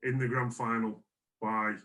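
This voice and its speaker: Mid-pitched man discussing sport earnestly. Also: level tone, unhurried, bright, forceful tone. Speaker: rugby league player guest.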